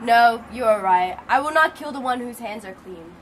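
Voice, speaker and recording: A woman's voice: fairly high pitch, animated, normal speed, slight background noise, lightly acted. A young woman playing a stern, wrathful tyrant king in an amateur stage scene, commanding and swearing oaths. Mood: cold.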